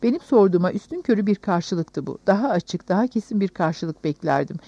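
A woman narrating a novel in the first person with calm, measured storytelling, on a dull recording. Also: medium pitch, slightly rough, dry recording. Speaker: audiobook narrator.

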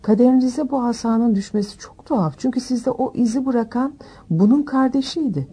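A woman's voice: fairly high pitch, warm tone, slightly rough, pitched above the performer's own voice. A woman reading a fussy old wandmaker. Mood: hushed. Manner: brisk and insistent, dropping to murmurs. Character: eccentric old male wandmaker, intense and fussy.

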